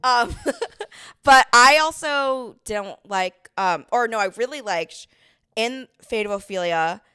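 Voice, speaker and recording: A young woman co-hosting a pop culture podcast, chatting casually with quick quips and offhand swearing. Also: on the high side, lively intonation, pushed and bright, clear, resonant tone, no echo, studio quality. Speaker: podcast co-host. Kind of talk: casual chat.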